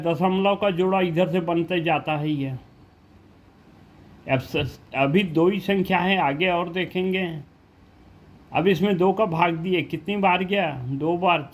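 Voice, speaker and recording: Slow high-voiced male math teacher. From India. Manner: slow, step-by-step explaining with frequent rhetorical questions. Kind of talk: classroom math lesson.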